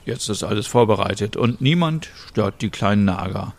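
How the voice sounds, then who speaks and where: A man narrating a story in a plain, even manner. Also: on the low side, normal speed, creaky.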